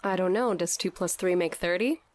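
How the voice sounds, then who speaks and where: In a scripted audio drama, an actress plays a skeptical, wisecracking young woman who talks in an incredulous, slangy, joking way. Her voice is on the low side at a normal pace, lightly acted, with a wry, jokey mood.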